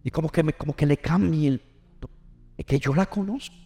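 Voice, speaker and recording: A man's voice: on the high side, fairly quick, warm tone, soft background music. A middle-aged man, preaching a sermon and drawing call-and-response from the congregation. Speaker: pastor.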